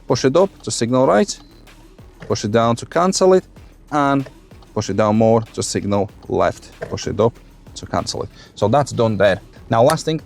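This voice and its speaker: Male driving instructor talking through steps, background music. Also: mid-range voice. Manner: talks like a driving instructor, calmly narrating each action. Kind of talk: step-by-step instructional demonstration.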